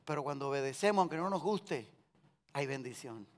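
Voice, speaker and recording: A man preaching a sermon with a Colombian Spanish accent, calling on the congregation to answer and swinging between loud cries and quiet lines. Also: medium pitch, lively intonation, a little fast. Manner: preaching with call-and-response to the congregation. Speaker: pastor. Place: large church hall. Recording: long hall reverb.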